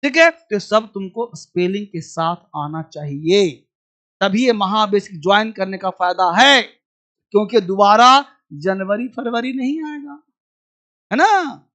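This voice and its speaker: Guy teaching english class, bright clear voice, keeps repeating words, bossy. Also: high-pitched, animated, unhurried. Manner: drills words aloud, repeats, commanding. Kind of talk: classroom lesson.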